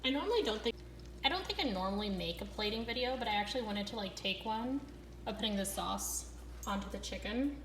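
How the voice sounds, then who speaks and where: A woman's voice: mid-range voice, animated, brisk, a bit bright, echoey room, a little hiss or hum, poor audio. A young woman hosting a cooking vlog, chatting casually to camera with a rambling, filler-filled manner.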